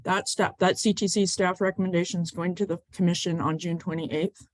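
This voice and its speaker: A man giving a relaxed funding update on a video call, with small asides. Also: high-pitched, brisk, no echo. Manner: relaxed, talks through funding details with asides. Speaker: transit agency staff. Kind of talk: casual meeting update.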